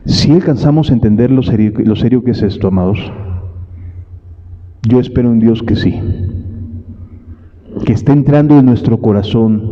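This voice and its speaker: A man preaching a sermon, impassioned, moving between solemn low warnings and urgent raised passages. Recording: dull recording in a long-reverb hall.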